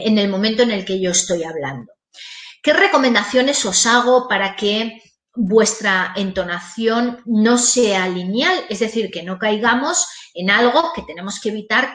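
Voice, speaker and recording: A woman giving a webinar lecture on voice use for teachers, in a lively, demonstrative way. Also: fairly high pitch. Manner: lively, demonstrative, varies intonation. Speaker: voice and communication trainer. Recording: roomy echo.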